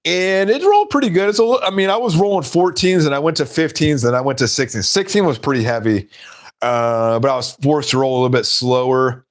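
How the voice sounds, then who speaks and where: A man's voice: a little high, animated, fairly quick. A man hosting a casual live stream, rambling and laughing at his own stories.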